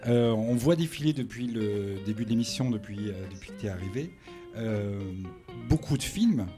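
A man interviewing a guest, asking his questions in a measured, hesitant way. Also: medium pitch, expressive, music in the background.

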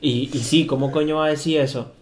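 A man co-hosting a casual chat, teasing and quick to laugh. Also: on the high side, steady tone. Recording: echoey room.

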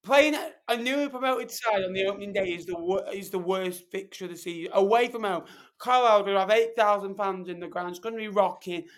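A man's voice: high-pitched, fast talker, hardly any pauses. An English man co-hosting a football podcast, confidently arguing his predictions. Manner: confident, argues his pick. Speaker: podcast co-host. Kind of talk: casual football podcast chat.

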